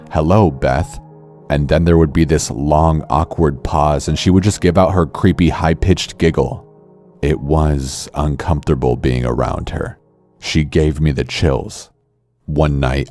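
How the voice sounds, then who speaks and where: A man narrating a scripted horror story in a calm, measured way. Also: a bass voice. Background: faint music.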